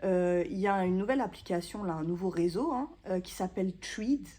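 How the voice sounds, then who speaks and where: Chatty woman vlogger, mellow voice. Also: fairly low pitch, fairly quick. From France. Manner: chatty, self-mocking, lots of hesitations. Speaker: booktuber. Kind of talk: casual vlog chat to camera.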